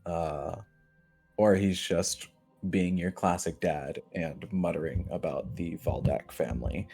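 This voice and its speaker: Deep-voiced slow game master man. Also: creaky, dark tone, breathy edge, soft background music. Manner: measured, with frequent fillers. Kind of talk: narrating a tabletop game.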